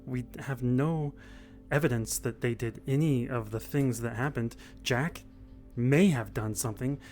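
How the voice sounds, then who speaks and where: A man's voice: medium pitch, unhurried, darkish tone, faint music behind. A man speaking in character in a roleplay, tired and earnest, often restarting his sentences. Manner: weary, earnest, with false starts. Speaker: roleplay player.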